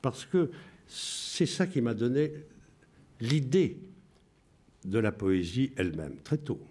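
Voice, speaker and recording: A man in his seventies from France, a writer talking reflectively in an interview, deliberate, with pauses and restarts. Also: medium pitch, sing-song, warm tone, slightly rough. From France (Bordeaux).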